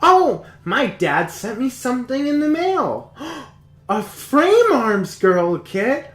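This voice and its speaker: A man putting on the voice of a giddy teenage high school girl who gushes with exaggerated delight. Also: very animated, slow pace, reverberant, heavily acted. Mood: gushing.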